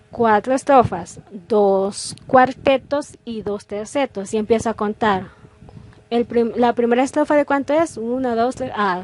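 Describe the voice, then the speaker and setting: A woman teacher explains a lesson over slides, talking through each example in small, patient steps. Her voice sits a little higher than most women's, and she counts things out aloud as she goes. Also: darkish tone.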